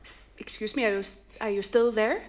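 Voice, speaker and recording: An actress playing an eager, overly polite call-centre worker running a phone survey on stage. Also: female voice, mid-range voice, brisk, a little hiss or hum, lightly acted. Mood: cheery. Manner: bright, eager customer-service politeness. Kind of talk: live music-theatre acting. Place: theatre stage.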